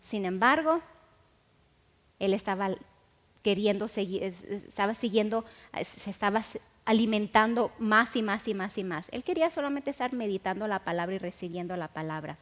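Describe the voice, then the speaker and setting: A woman teaching a sermon, repeating key phrases slowly and with emphasis, with frequent restarts. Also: medium pitch. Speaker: Bible teacher. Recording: long hall reverb.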